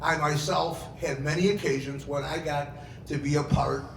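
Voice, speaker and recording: This is a middle-aged man's father of the bride speech, full of family anecdotes and dramatized quotes, delivered with real feeling. His voice is gravelly and a little high, with a steady tone and normal speed. Captured on a distant mic, the sound is echoey and noisy from the event room.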